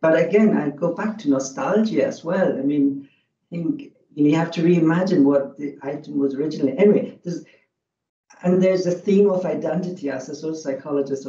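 A middle-aged man from Afghanistan thinks aloud over a video call, his voice mellow and slightly high for a man. The sound is dull and roomy, as if he sits back from the laptop microphone. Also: far from the mic. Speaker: audience member asking a question. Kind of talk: casual academic discussion.

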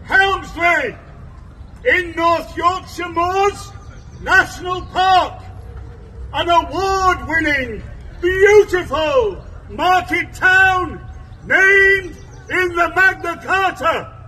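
A man delivers a town crier's proclamation in the open air, declaiming like a herald. His voice is pitched extremely high and is piercingly forceful, with every phrase stretched out very slowly and ceremonially. He is recorded from a few metres away. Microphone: camera phone several metres away. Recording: outdoor phone recording from a distance, background noise.

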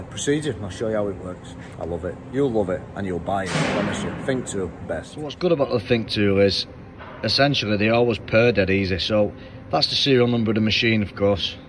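With a lowish male voice and a British English accent, this forties-aged mechanic from the United Kingdom films a casual vlog chat on his phone at arm's length. He's blunt and chatty, rambling with fillers, while the indoor car workshop behind him is noisy.

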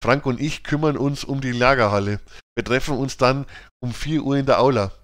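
In a storybook audiobook, a resourceful boy leader lays out his plan in a steady, matter-of-fact voice, read by a man in his natural mid-range tone. The delivery is dry and close, with no room around it. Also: medium pitch, normal speed, no room sound, natural voice.

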